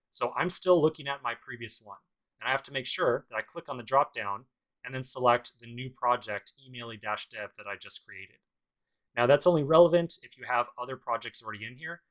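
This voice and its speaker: A man's voice: mid-range voice, sharp tone, poor audio. A man teaching a programming course in a casual screencast tutorial, talking through each step with dry sarcastic asides. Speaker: programming instructor.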